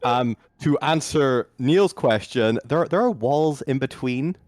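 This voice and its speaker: A man running a tabletop game as game master over voice chat. His mic is too loud and clips, so the sound is distorted. He gives dramatic recaps and banters casually with his players. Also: mid-range voice, takes it slowly, no echo, studio quality. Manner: dramatic recap narration, relaxed banter between. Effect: loud clipping, distorted mic. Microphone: home computer mic on voice chat.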